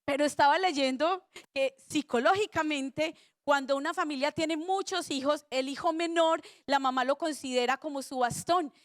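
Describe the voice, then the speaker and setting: A woman's voice: sits high, moderate pace, few pauses, no room sound, clean studio sound. A woman preaching a sermon in church, telling stories with humor and asking the congregation rhetorical questions.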